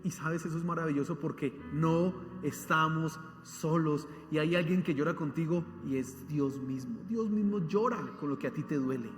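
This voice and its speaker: High-voiced preacher in an echoey hall. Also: male voice, normal speed, few pauses. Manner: emphatic, asks the congregation rhetorical questions. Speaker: pastor. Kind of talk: sermon. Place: church. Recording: echoey hall with faint music.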